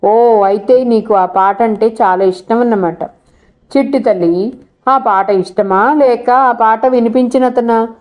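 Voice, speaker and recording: A woman's voice: a little high, steady tone, a little slow, darkish tone, close to an everyday voice. A woman reading as a teasing young college girl. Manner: teasing, coaxing.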